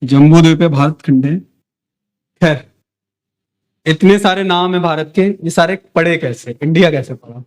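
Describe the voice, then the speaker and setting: A man's voice: on the high side, a little mellow. A male teacher giving a classroom lecture. He keeps asking the class questions, answers them himself, and checks in with "ठीक है".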